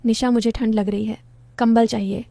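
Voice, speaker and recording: एक महिला कहानी में एक विनम्र, प्रेम में डूबे युवा पति की आवाज़ देती है।. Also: female voice, a little high, level tone, normal speed, gravelly, warm tone, dry recording. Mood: polite. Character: young husband, polite, lovestruck.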